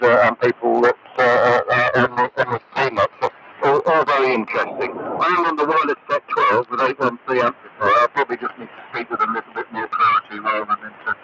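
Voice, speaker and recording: A man, an amateur radio operator, checks in on a ham radio net in an unhurried, technical, halting way through a gritty carbon granule microphone. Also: mid-range voice. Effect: gritty carbon granule microphone sound. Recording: crackly distant AM shortwave broadcast.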